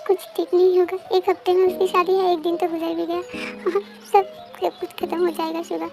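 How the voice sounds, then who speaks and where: A woman's voice: very high voice, flat delivery, moderate pace. A woman voicing a heartbroken young man who pleads despairingly, with music under the voice. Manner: sobbing, despairing pleas. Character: heartbroken young man begging to stop a wedding.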